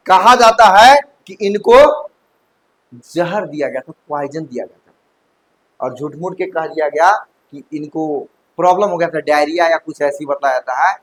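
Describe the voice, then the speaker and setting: High-voiced male coaching teacher. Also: rough recording. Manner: checks understanding often, mixes English terms into Hindi. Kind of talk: classroom lecture. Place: classroom.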